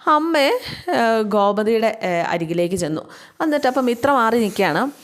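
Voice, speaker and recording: A woman casually recapping a TV serial episode, with drawn-out fillers and quick bits of acted-out dialogue. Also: mid-range voice, lively intonation. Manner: chatty retelling, frequent drawn-out fillers, acts out quoted lines. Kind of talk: casual spoken story recap.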